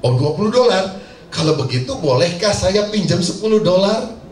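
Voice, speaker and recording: A man's voice: sits high, lively intonation, normal speed, a little mellow. Brief: earnest little boy asking his dad for time, voiced by a male preacher, echoey and distant. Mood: pleading. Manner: earnest, pleading. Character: young son, earnest and pleading. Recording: echoey church hall, mic far off.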